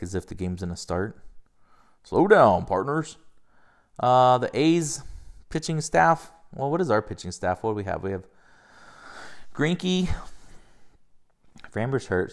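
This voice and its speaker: A man's voice: lowish voice, gravelly. Rambling, profane man talking baseball. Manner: rambling, profane, gets worked up. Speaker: podcast host. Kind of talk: casual sports chat.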